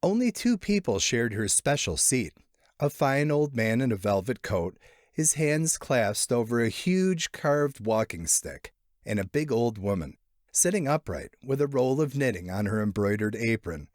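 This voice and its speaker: Here a male narrator reads literary fiction aloud as a short story audiobook. His voice sits in a medium register yet swings through lively pitch sweeps, and his expressive phrasing includes lingering pauses. The recording is dry and close-miked, free of room echo.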